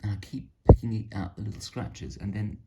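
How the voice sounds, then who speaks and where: A man's voice: fairly low pitch, normal speed, very noisy. A man casually showing off his painted miniatures, rambling and self-deprecating. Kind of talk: casual hobby show-and-tell.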